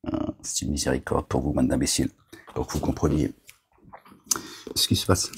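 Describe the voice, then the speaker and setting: A man's voice: very deep voice, fairly even intonation, moderate pace, slight background noise. A man delivering a rambling, agitated monologue to his viewers, scolding them as a self-styled preacher, with constant verbal tics.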